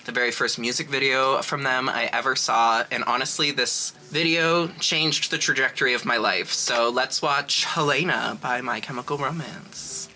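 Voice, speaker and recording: A man's voice: mid-range voice, normal speed, hardly any pauses, sharp tone. A man with a sassy drag queen manner, giving casual, dramatic and emphatic reaction commentary.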